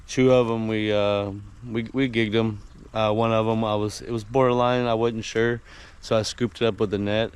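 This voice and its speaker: A man with a lowish, smooth voice casually narrates his outdoor fishing and cooking vlog in a folksy, easygoing manner. Filmed outdoors by the water and at home, the recording picks up outdoor noise and water sounds.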